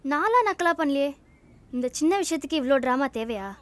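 An actress playing a cheeky young wife who teases her husband calmly and stays firm, in a comic web series. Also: high-pitched, fairly quick, no room sound. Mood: teasing. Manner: teasing, calm and firm. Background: loud guitar music.

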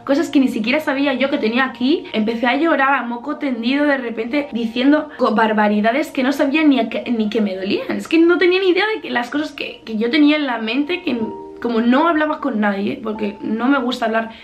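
A woman's voice: high voice, fairly quick, faint music behind. A young woman telling an emotional personal story in a vlog, rambling and restarting as she goes. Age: young adult. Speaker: vlogger.

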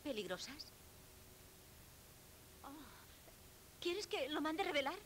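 A woman's voice: sits high, big pitch swings, slow pace, fairly bright tone, exaggerated voice. An actress playing an anxious, caring mother in a dubbed film drama. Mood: alarmed. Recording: noisy, hissy 1970s film soundtrack.

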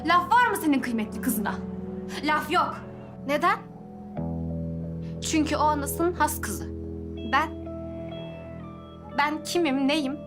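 An actress playing a defiant young woman lashing out at her mother, shouting and tearful. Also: high voice, animated, slow, long pauses. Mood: angry. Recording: TV drama with loud score. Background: music.

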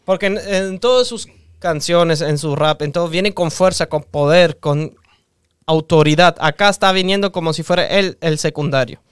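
Brief: high-voiced man, clear and earnest, critic in a podcast debate. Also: moderate pace, dry recording, clean studio sound. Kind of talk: casual music reaction chat.

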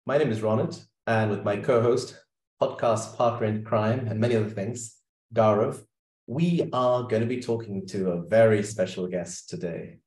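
A man's voice: fairly low pitch, normal speed, heavy background noise. Middle-aged guy hosting a podcast on a video call, chatty, roomy echo. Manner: chatty, playful, with short backchannels. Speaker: podcast host. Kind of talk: casual video-call interview.

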